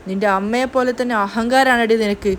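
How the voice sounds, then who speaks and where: A woman's voice: a little high, steady tone, fairly quick, a little hiss or hum, lightly acted. A woman reading the lines of a menacing man who has kidnapped a young girl, in a harsh, threatening way.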